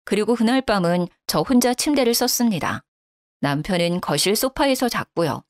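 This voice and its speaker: A woman narrating a first-person story as a daughter-in-law, in a calm, low-key tone. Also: moderate pace, no room sound, studio quality.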